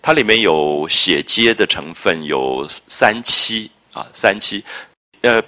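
The speaker is a literature lecturer discussing a classic novel, his voice deep but forceful and lively in pitch. He draws out his explanations thoughtfully, interjects often, and repeatedly asks rhetorically whether listeners are following.

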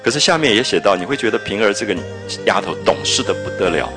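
Deep-voiced man lecturing on literature. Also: lively intonation, quick pace, over loud music. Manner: retells scenes and adds remarks, with rhetorical questions to the listener. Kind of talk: storytelling lecture.

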